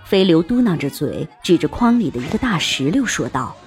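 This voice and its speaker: A woman narrating a historical-fiction audiobook in an expressive storytelling manner. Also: deep voice, a little fast, soft background music.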